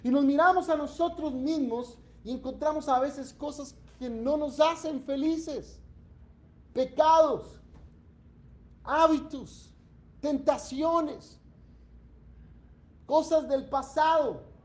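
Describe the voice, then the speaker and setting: A middle-aged pastor preaches a sermon in church, his very high-pitched voice slow and broken by long pauses. He is emphatic and earnest, acting out quoted voices.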